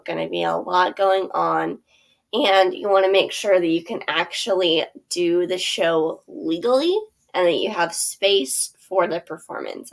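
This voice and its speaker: A woman theater teacher with a medium-pitched voice and some vocal fry walks through her curriculum over a screen share. Her instruction is friendly, full of ums and small self-corrections.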